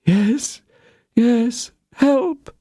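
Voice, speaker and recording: A woman's voice: on the high side, extremely slow, warm tone, no echo, clean studio sound, pitched above the performer's own voice. A man voicing Constance, a frail, frightened young woman who is dying, in an audiobook reading. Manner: breathless, pleading.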